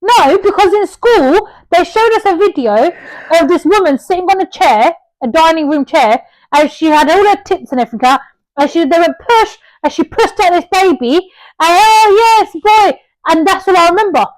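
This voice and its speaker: A high-voiced woman chats on a casual podcast, cutting in with questions and going off on tangents. Her voice sits high and dry, close on the mic with little room around it. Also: brisk, no echo, poor audio. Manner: chatty and animated, jumps in with questions and tangents. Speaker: podcast co-host. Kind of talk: casual chat.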